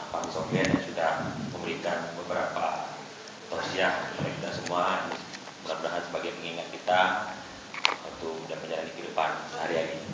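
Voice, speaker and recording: Deep flat-voiced man announcing from afar. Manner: formal, steady announcing. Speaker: event host. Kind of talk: formal closing announcement. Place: prayer room. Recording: echoey, distant, hissy room mic.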